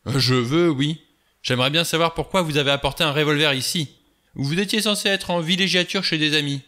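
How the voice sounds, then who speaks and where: A pushy, suspicious middle-aged ex-policeman, as a man reads him, pressing every question without letting go. The voice is bright and forceful, sitting a little low. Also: lively intonation, moderate pace. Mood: insistent.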